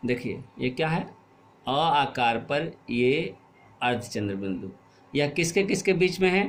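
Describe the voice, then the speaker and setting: A man teaching a Hindi grammar lesson to young pupils. He keeps asking questions and answering them himself, repeats key words and draws out the example sounds slowly. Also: mid-range voice. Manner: slow, drawn-out stress on example words. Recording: echoey room with faint ambient noise.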